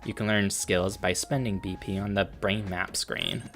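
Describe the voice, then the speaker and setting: A man's voice: low voice, normal speed, music in the background. A man casually commenting while playing a video game, reading out menus and skills. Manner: relaxed, reads out game menus with filler ums. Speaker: gaming streamer. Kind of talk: casual let's-play commentary.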